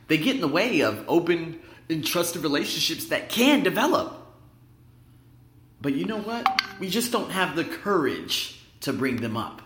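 Talky man in an echoey room. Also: on the high side. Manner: animated, emphatic, rambling and conversational. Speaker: podcast host. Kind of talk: motivational solo podcast monologue. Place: indoor room at his workplace. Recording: echoey room with big reverb.

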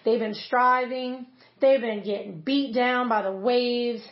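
A woman's voice: fairly high pitch, steady tone, slow. A woman pastor giving an earnest, conversational devotional teaching, with many casual fillers. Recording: roomy, slightly dull recording.

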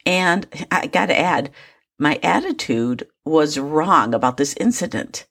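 A woman's voice: low voice, animated, measured pace, a bit bright, husky. A woman hosting a daily devotional podcast, speaking in an earnest, personal way with small asides. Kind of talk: scripted devotional talk.

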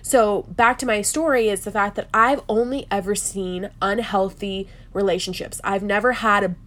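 A woman's voice: mid-range voice, steady tone, normal speed, a bit bright. A woman hosting a solo podcast in an earnest, confiding way, sounding nasal and stuffed up, as if under the weather. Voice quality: nasal, congested. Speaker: podcast host.

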